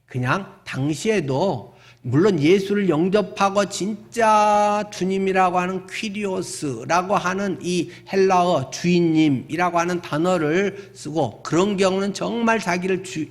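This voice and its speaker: A man's voice: high voice, unhurried. A middle-aged male pastor giving a sermon in a conversational way, acting out little everyday exchanges. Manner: conversational preaching with acted-out everyday dialogue.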